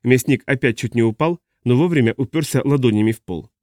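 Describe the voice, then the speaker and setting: A man reading an audiobook aloud in a steady, even manner. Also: medium pitch, a little fast, dry recording, studio quality. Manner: steady, even reading voicing several characters. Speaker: audiobook narrator. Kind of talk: scripted narration.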